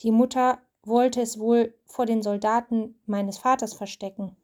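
A woman's voice: on the high side, steady tone, a little slow, a little mellow, natural voice. A woman voicing a kind, decisive young princess while reading a storybook aloud to a child. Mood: caring.

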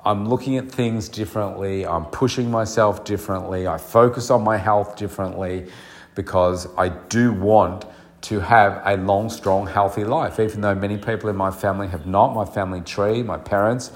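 This middle-aged podcast host and coach talks alone at a normal speed, his fairly low voice keeping fairly even intonation. He sounds earnest and reflective, using lots of fillers, and a cold has left him nasal and congested.

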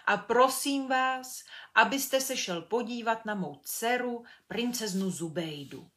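A woman's voice: on the high side, natural voice. Woman doing a stern, commanding old sultan. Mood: welcoming. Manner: commanding, loud, strict. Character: pompous male sultan, stern and impatient ruler.

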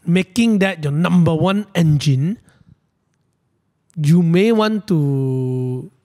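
A man's voice: on the high side, darkish tone. A man with a Malaysian accent speaking colloquial Malaysian English, co-hosting a casual market chat and taking audience questions. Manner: colloquial Malaysian English with lah and lor particles. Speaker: co-host reading audience questions.

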